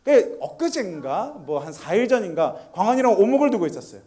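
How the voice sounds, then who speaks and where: A man's voice: high-pitched, big pitch swings, quick pace, mellow. A man in his thirties, a pastor, giving a sermon full of family stories and questions to the congregation. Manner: storytelling, acting out family dialogue.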